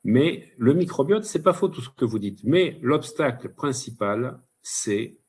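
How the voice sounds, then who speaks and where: A man's voice: medium pitch, animated, measured pace, darkish tone, breathy edge. A man speaking as a guest expert on a webinar, chatty and emphatic, with frequent fillers. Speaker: guest expert, hypnotherapist and pharmacist. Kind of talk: casual webinar talk.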